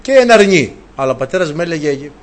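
A man's voice: fairly high pitch, animated. A man preaching a sermon, retelling a story animatedly and asking his listeners rhetorical questions.

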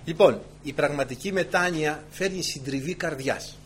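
A man's voice: fairly high pitch, a little hiss or hum. A man preaching a sermon to his congregation, telling stories with many asides. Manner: animated storytelling with many asides.

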